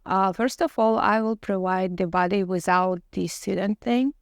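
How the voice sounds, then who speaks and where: Nervous, formal woman interviewee with creaky voice. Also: medium pitch, normal speed, dry recording, clean studio sound. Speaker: job interview candidate. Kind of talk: mock technical job interview answers.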